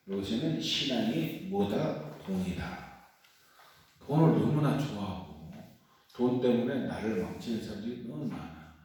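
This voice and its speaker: A middle-aged man giving a catechism lecture in a church hall, animated and acting out prayers in quoted voices. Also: mid-range voice. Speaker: catechism teacher. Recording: very echoey room, voice from far off.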